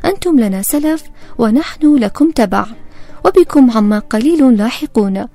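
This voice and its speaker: High, lively woman reading a lesson. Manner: measured, formal recitation. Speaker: narrator. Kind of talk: scripted educational narration. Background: faint music.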